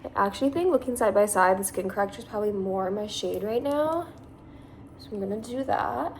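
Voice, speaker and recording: A beauty vlogger in her twenties from Massachusetts, USA, talks through a makeup tutorial with a Californian accent, rambling and saying "like" a lot. Her mid-range voice is lively and fairly quick, with a little hiss or hum in the audio.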